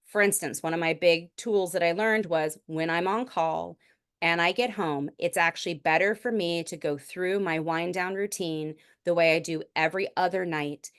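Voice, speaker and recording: A middle-aged woman doctor lectures on a medical topic in a recording, her low-leaning voice clean in tone and moderately paced. She explains conversationally and keeps restarting her phrasing.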